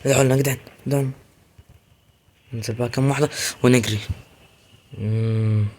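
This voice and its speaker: A young man with an Egyptian Arabic accent, chatting excitedly to viewers while commenting on his own gameplay. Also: medium pitch, fast talker. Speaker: gaming YouTuber.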